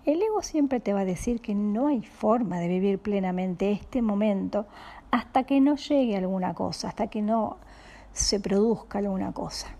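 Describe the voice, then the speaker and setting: A spiritual teacher with a Rioplatense Spanish accent gives a calm, reflective talk at medium pitch. She speaks slowly and often slips into a soft whisper.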